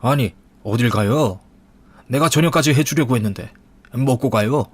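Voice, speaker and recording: A man's voice: mid-range voice, moderate pace, breathy edge, no echo, natural voice. A man voicing a confident, protective older father who speaks firmly and reassuringly. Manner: firm, reassuring.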